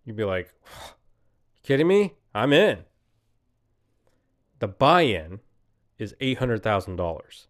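A man's voice: on the low side, very animated, slow pace, long pauses. A man giving a casual, emphatic monologue, laughing often as he talks.

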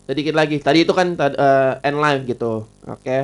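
A man's voice: on the high side, a little fast, smooth, faint music behind. A man with an Indonesian accent and a slight self-described lisp, hosting an informal live stream and often repeating his phrases. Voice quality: self-described slurred R and L speech. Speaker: live stream host and podcaster. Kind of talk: casual live stream chat.

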